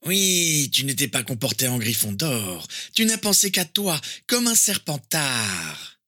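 Man voicing a menacing dark lord, high thin voice, very bright, lively swoops, slow drawn-out menace, audiobook reading. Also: heavily acted. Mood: scornful. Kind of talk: audiobook fan-fiction reading.

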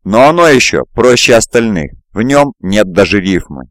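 Man reading as a hoarse old priest. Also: on the low side, sing-song, normal speed, dry recording. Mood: calm, patient. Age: older. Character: old coughing male priest, sly.

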